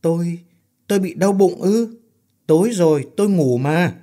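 A man's voice: medium pitch, expressive, measured pace, a little mellow, husky. A man voicing a frightened, confused young male worker who stammers and cries out in panic.

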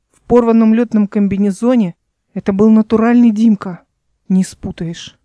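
A woman reading a fantasy audiobook in a soft, even storytelling manner. Her voice is mellow and dark. The home recording is close and dry. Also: mid-range voice, dry recording. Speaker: audiobook narrator. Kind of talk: scripted narration. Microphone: close mic, home recording.

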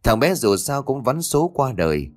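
A man voicing a stern old male Taoist exorcist, who speaks slowly, solemnly and gravely. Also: mid-range voice, sing-song, natural voice.

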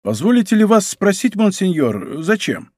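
A man's voice: sits high, sing-song, moderate pace, a little mellow, no room sound, studio quality, voice pushed up. A man voicing a deferential castle warden in a historical audiobook, polite and eager.

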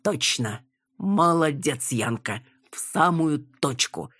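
A woman voicing an easygoing, joking older man, a father, in slow, lowered, amused tones. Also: animated, fairly bright tone, dry recording, studio quality, heavily acted. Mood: wry.

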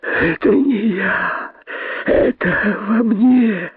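A trembling, whimpering boa, acted by a male narrator begs for mercy in a thin, tearful voice pitched well above a normal speaking voice. The husky tone comes over dry and tinny. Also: very slow, dry recording, full character voice. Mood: terrified pleading. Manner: tearful, pleading, high. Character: terrified pleading male boa snake. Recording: dry tinny phone-like sound.

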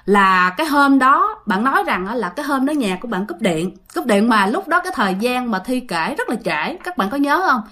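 A woman's voice: fairly high pitch, very animated, fairly quick, few pauses, pushed and bright. Chatty woman storyteller. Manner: chatty, addresses listeners directly, many fillers. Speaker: ghost story narrator. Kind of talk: casual storytelling.

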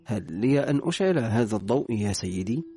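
A man's voice: fairly low pitch, expressive, fast talker, dark tone, faint music behind. A male narrator voicing a formal, deferential manservant who speaks politely.

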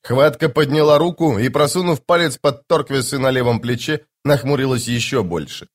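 A man's voice: medium pitch, normal speed. A man reading an epic fantasy audiobook in scripted narration.

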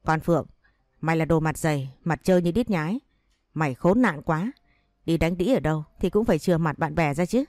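Picture a woman reading out a betrayed wife in a storybook, sharp-tongued and vengeful, hurling threats at her rival. The voice sits low and dark, with a dry close sound and no room around it. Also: expressive, a little fast, dry recording. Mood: furious. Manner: scolding, cursing, threatening.

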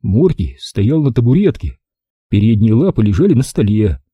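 A man narrating an audiobook in a lively, expressive storytelling manner. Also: mid-range voice, moderate pace, husky, no room sound, lo-fi sound.

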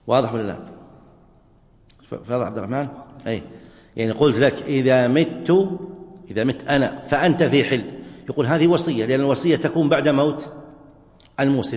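A man teaching jurisprudence as a sheikh, walking through examples slowly, repeating them and checking whether his students follow. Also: mid-range voice, a little mellow. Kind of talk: classroom lecture. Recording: echoey hall with long reverb.

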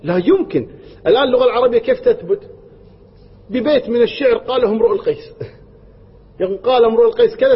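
A man's voice: sits high, husky. A man giving a religious lesson on Quran verses, explaining patiently, repeating key points and posing rhetorical questions. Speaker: Quran teacher. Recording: dull lo-fi recording with long hall reverb.

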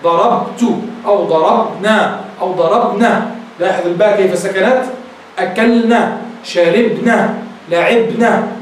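A man with a high voice delivers a classroom grammar lecture as a sheikh. He poses rhetorical questions and repeats each example slowly. His voice is heard from a distance in a very echoey room. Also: slight background noise. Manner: addresses listeners as "beloved ones". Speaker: sheikh teaching Arabic grammar.

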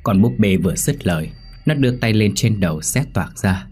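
A man narrating a horror story in a steady, measured way. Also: lowish voice, husky, faint music behind.

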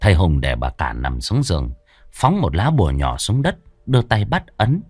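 A man's voice: sits low, normal speed, husky, no echo, soft background music. A man narrating a scripted horror story in a dramatic manner. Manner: dramatic, lively intonation.

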